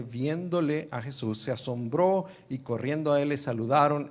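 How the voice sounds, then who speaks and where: Earnest preacher man reading scripture. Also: a little mellow. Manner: earnest, asks listeners "¿sí?" often; acts out the father's plea with rising pitch. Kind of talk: sermon with Bible reading.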